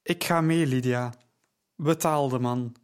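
A man voicing a calm, dignified, cheerful father who speaks reassuringly, in an audiobook. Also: medium pitch, slow pace, smooth, natural voice.

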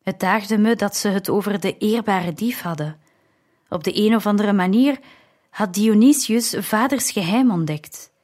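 Een vrouw die een verhaal in de ik-vorm voorleest als luisterboek, afgemeten en gelijkmatig. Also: female voice, medium pitch, a little mellow. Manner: slow, measured reading. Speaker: audiobook narrator. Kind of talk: scripted narration.

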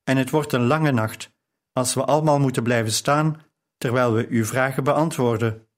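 A man's voice: mid-range voice, normal speed, close to an everyday voice. A man voicing an outspoken, impulsive young woman aristocrat who pleads politely in an audiobook. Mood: placating.

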